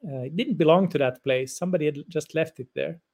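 With a fairly high, slightly mellow voice, a guest lecturer of around fifty from Finland, a native Swedish speaker, works through interview questions. He is thoughtful but halting, often starting over.

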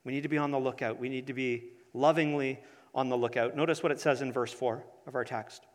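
A man preaching a teaching sermon, deliberate in delivery, repeating key phrases for the congregation. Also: mid-range voice, steady tone. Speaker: pastor preaching. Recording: long hall reverb.

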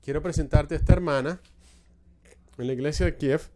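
A man's voice: on the high side, fairly quick, warm tone. A male pastor preaching a sermon, telling a church story with frequent restarts and repeated words.

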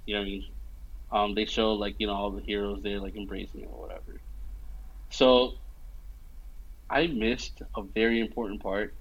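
A young man with a lowish voice chats casually about a film he's seen, retelling it scene by scene in an animated way with many fillers and "you know what I mean." He talks at normal speed but leaves long pauses, and the audio is poor.

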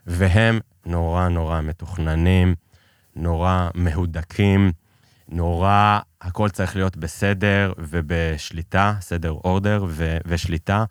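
Podcast guest: Israeli-accented Hebrew-speaking man, low register, close dry recording, hesitant anecdotal delivery with English jargon. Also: clear, resonant tone, no room sound. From Iran, immigrated to Israel. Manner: hesitant searching delivery, peppered with English business terms. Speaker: podcast guest, business executive. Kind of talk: conversational storytelling in an interview.

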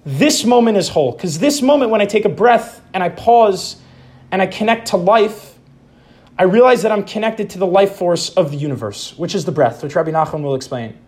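A man leading an informal spiritual study group, speaking in a reflective, unhurried way and reciting Hebrew quotations. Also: high voice, animated, a little mellow.

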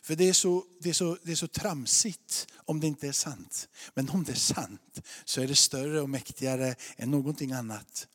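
A man's voice: a little high, few pauses, fairly bright tone. A man preaching a sermon in an earnest, repetitive style, building emphasis through his lines. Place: church. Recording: long church reverb.

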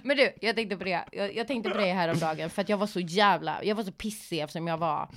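A woman comedian in casual podcast chat, telling animated stories, swearing freely and laughing often. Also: medium pitch, soft background music.

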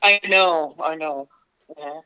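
A woman's voice: low-pitched, slow, bright, forceful tone, clear, resonant tone. A woman on speakerphone as a podcast guest, chatting casually and rambling with many fillers and restarts. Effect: on speakerphone, heard through a phone line. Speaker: podcast guest, stand-up comedian. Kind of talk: casual phone interview. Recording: lo-fi phone audio.

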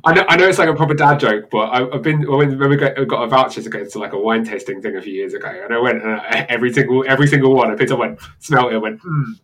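This British man talks in a loose, rambling way, circling back on himself and often breaking into laughs. He sits at an ordinary middle pitch, co-hosting a relaxed podcast conversation. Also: rapid-fire, hardly any pauses. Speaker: podcast co-host. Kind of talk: casual chat.

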